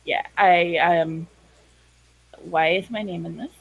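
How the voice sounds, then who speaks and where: Woman, player, short quips, low voice. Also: fairly even intonation, slow, vocal fry, no room sound, narrow, tinny audio. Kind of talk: casual tabletop game chat.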